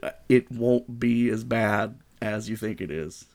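A man's voice: on the low side, measured pace, a little mellow. A man co-hosting a comedy podcast, reading a silly story aloud with wry, sweary asides. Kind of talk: casual comedic read-aloud.

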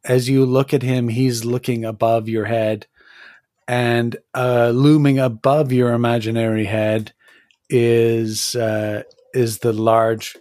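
A man running a tabletop game, narrating scenes in a loose, unhurried way. His voice sits close and dry, with no room around it. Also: medium pitch, level tone, darkish tone, no room sound. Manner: loose, laughing, lots of fillers. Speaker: game master.

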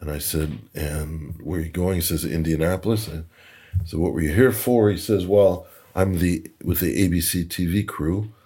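Sitting low with fairly even intonation, this man's dark, husky voice moves at a normal speed. He's a Toronto podcast guest spinning casual anecdotes, laughing softly and repeating himself as he searches for words.

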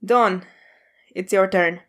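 Woman game master describing the scene, steady and detailed. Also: mid-range voice. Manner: measured, descriptive narration. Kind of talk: narrating a tabletop game.

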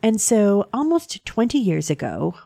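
Woman host, casual and opinionated news talk, gravelly vocal fry, dark soft tone. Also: medium pitch, very animated, measured pace, no echo, clean studio sound. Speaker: host of a science and history news show. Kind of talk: casual talk on news stories with personal asides.

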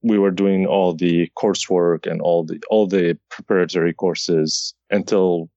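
A man's voice: low voice, steady tone, unhurried, warm tone, no room sound, dull audio. A man in his thirties from Syria, a guest on a podcast interview, talking earnestly and often restarting his sentences. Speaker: guest, informatics pharmacist.

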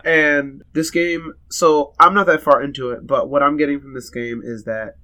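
A man co-hosting a game review podcast, talking in halting starts that build into eager explanations. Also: a little high, fairly even intonation, sharp tone. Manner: halting, restarts, then enthusiastic. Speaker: podcast co-host. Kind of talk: casual game review chat.

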